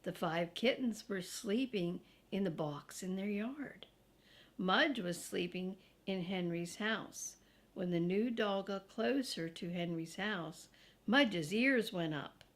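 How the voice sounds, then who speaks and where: An older woman with a creaky, medium-pitched voice reads a children's book aloud slowly and deliberately, like a grandmother for young kids. She drops in casual asides as she goes.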